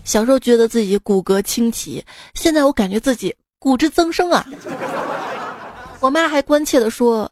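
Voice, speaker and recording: A woman radio host with a slightly hoarse voice, telling jokes in a playful, dry, self-mocking way. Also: fairly high pitch, fairly quick, hardly any pauses, darkish tone, no room sound. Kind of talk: casual comedic joke telling.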